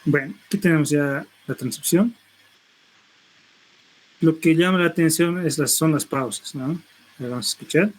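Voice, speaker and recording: A man's voice: fairly high pitch, moderate pace, long pauses, a little hiss or hum, rough recording. A middle-aged man teaching a university seminar, explaining step by step and tagging his phrases with a questioning "no?". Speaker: linguistics lecturer.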